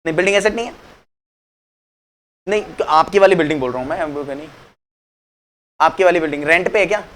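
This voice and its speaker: A man's voice: fairly high pitch, fast talker, long pauses, fairly bright tone. A man teaching accounts in a chatty classroom lecture, asking students questions and answering them himself, often slipping English phrases into his talk. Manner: mixes English phrases into Hindi; calls students "beta" affectionately.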